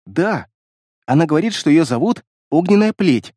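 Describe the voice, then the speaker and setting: A man voicing a timid little beast girl who speaks in halting, stammering bursts in an audiobook. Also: on the high side, sing-song, mellow, no room sound, clean studio sound.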